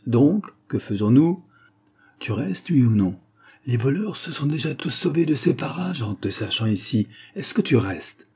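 A man playing a gruff, deaf old grandfather. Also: mid-range voice, very animated, a little slow, darkish tone, pitched above the performer's own voice, heavily acted. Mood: gruff coaxing.

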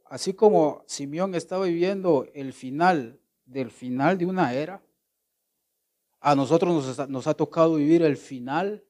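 A man preaching a devotional sermon, asking the listener questions and answering them himself, swinging between loud exclamations and low, hushed phrases.

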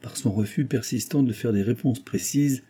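A man narrating an audiobook in a steady, measured reading. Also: mid-range voice, husky.

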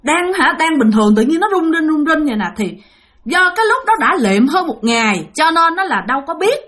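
A woman's voice: high-pitched, very animated, brisk, fairly bright tone. A woman telling a ghost story in a rambling, filler-heavy way, speaking directly to her listeners. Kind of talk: spoken ghost story narration.

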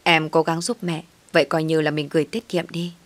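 A woman's voice: sits low, little pitch movement, fairly quick, natural voice. A woman voicing a sulky, self-serving young husband who talks curtly. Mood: flattering. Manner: curt and dismissive.

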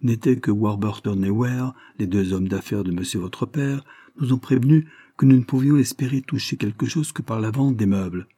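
A man's voice: on the low side, normal speed, warm tone, no echo, clean studio sound, natural voice. A man voicing a well-spoken creditor who explains himself formally, polite but firm. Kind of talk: audiobook character voice.

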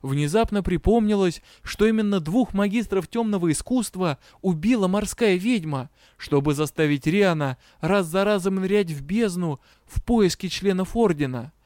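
A man reading a fantasy novel aloud as narrator, with a steady storytelling delivery. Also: sits high, moderate pace, hardly any pauses, dry recording, studio quality. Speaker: audiobook narrator. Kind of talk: scripted narration.

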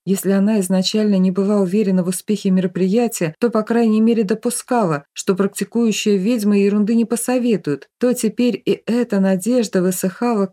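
Mellow-voiced woman narrator. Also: mid-range voice. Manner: even storytelling. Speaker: audiobook narrator. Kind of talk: scripted narration.

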